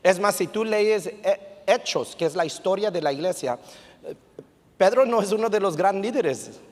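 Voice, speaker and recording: A man preaching a sermon as pastor, telling stories in an animated way and sprinkling English fillers into his talk. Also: sits high, normal speed. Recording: long reverb of a church hall.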